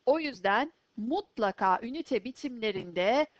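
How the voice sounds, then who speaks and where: Slow-spoken woman teaching vocabulary. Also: on the high side, lively intonation, dry recording, highs cut off. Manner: slow, clear pronunciation drills, each word repeated. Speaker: English teacher. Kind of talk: recorded English vocabulary lesson.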